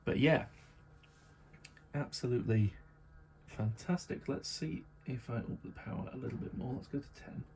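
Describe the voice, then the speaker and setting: This model railway hobbyist reviews a locomotive in a relaxed unboxing and test run, his mid-range voice a bit croaky from hay fever and lack of sleep. He's chatty, keeps repeating the same words of praise, and leans heavily on fillers, with some background noise in the recording.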